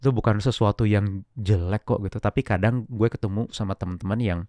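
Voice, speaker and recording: Man, lowish pitch, casual coaching talk, example-driven, English words mixed in, dry sound. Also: quick pace, mellow, dry recording. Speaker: public speaking coach and guest. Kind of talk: casual explanatory interview talk.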